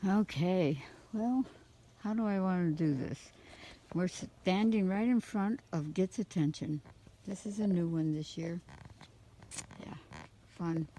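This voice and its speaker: Slow gravelly woman touring her garden. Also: lowish voice, dark tone, a little hiss or hum, low-quality recording. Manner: enthusiastic, gushing, points things out. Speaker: gardener giving a garden tour. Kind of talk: casual walking garden tour. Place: outdoors in a home garden.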